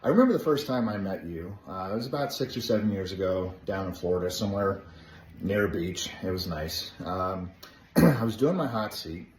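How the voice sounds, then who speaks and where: A man's voice: low voice, lively intonation, moderate pace, darkish tone. A man who owns a painting business giving a casual, friendly thank-you on video, with some fillers. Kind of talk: recorded video testimonial. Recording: echoey room with faint noise.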